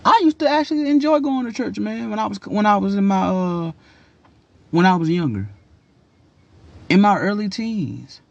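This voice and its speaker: A young man with a gravelly voice giving a casual, opinionated rant in a slangy, rambling, emphatic way, repeating his phrases. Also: high-pitched, animated, normal speed, pauses often, darkish tone, dry recording, highs cut off. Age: young adult. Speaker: commentator giving personal opinions.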